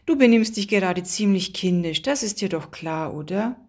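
A woman's voice: medium pitch, expressive, normal speed. A woman reading an audiobook, voicing a worried, prim young woman at the wheel who scolds her friend. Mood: scolding. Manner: worried, reproachful. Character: anxious, prim young woman driving, easily indignant.

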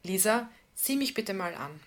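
Tender woman friend, soft and attentive, as the woman narrator puts her on. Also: medium pitch, lively intonation, measured pace, lightly acted. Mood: soft caring.

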